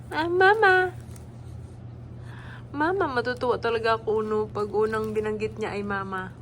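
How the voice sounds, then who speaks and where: A woman's voice: fairly high pitch, slight background noise. A young woman from the Philippines talking baby talk to her infant daughter at home, cooing and coaxing in a sing-song way. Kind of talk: casual baby talk, mixing Tagalog and English.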